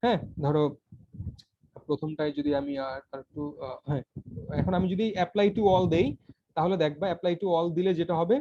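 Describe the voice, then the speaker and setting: A man's voice: fairly high pitch, normal speed, background noise. A man teaching a casual computer tutorial, talking informally with many fillers and restarts. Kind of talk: casual screen-recorded tutorial. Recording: dull lo-fi voice recording.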